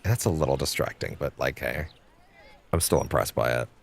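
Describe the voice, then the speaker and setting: A man's voice: extremely low pitch, fairly quick, creaky, husky. A man giving casual, sweary live gameplay commentary, thinking aloud as he plays. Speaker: game streamer. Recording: game music behind voice. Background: game music.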